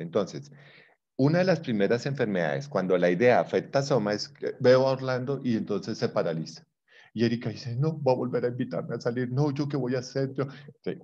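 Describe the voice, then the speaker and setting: Low-voiced teacher lecturing online. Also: male voice, darkish tone, dull audio. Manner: conversational, teasing students with examples. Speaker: psychology teacher.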